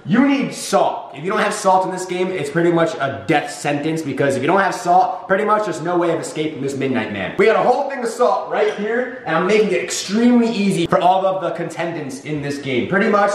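A man's voice: high voice, lively intonation, a little fast, few pauses. A young man talking casually and slangily to his viewers as a vlog host. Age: young adult. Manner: slangy, addresses viewers directly. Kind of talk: casual vlog talk to camera. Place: indoors in rooms and kitchen of a large house. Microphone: handheld camera at arm's length or set nearby. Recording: echoey indoor room, faint music underneath.

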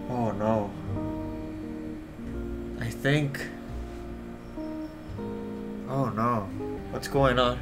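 A man giving casual gameplay commentary, reacting and muttering to himself in short bursts. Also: mid-range voice. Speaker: gamer, let's player. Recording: loud game music behind the voice. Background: game music.

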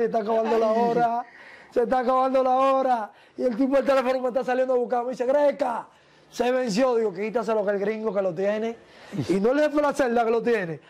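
A man, an interview guest telling a long story and acting out the voices of the people in it. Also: very high-pitched. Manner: animated storyteller, acts out quoted voices.

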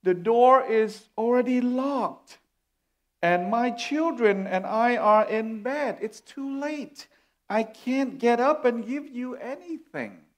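A man's voice: very high-pitched, takes it slowly, pitched above the performer's own voice. A man voicing a grumpy, sleepy neighbor who refuses to get out of bed. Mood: annoyed.

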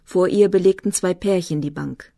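A woman narrating a literary novel as an audiobook in a calm, measured way. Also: lowish voice, gravelly, dry recording, studio quality.

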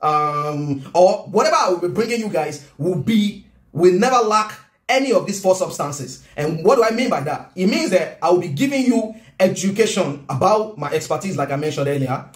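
A man's voice: high-pitched, normal speed. A man in his thirties with a Nigerian accent, talking casually and earnestly to camera from his home kitchen. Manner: animated, gestures a lot, earnest. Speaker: vlogger and business coach. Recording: roomy room echo.

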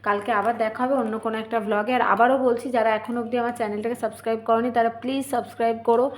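A woman's voice: fairly high pitch, little pitch movement, racing. A young woman chatting casually in a home vlog, talking straight to her viewers. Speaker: vlogger.

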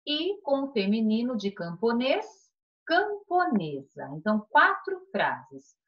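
A woman's voice: fairly high pitch, sing-song, unhurried, muffled recording. A young Brazilian woman teaching a recorded online class, cheerful and sing-song, stretching the key words as she goes. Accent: Brazilian Portuguese.

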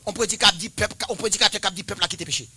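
A man in his forties preaching a sermon, chanting and shouting at the peaks and dropping to quiet, confiding talk between them. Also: high-pitched, very fast, slightly rough. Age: 40s. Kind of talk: Pentecostal-style sermon.

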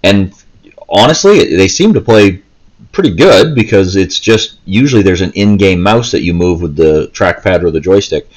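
A man with a low, expressive voice gives a casual, unscripted gameplay walkthrough at a moderate pace, hesitant and rambling and often breaking off mid-thought. He's a gaming video host, seated indoors with a handheld console in his hands.

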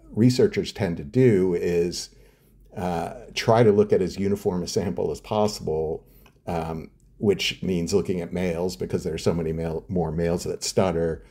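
A middle-aged neuroscientist, appearing as an interview guest, answers questions in a low, dark, husky voice. He explains things step by step, with lots of hesitant fillers and restarts.

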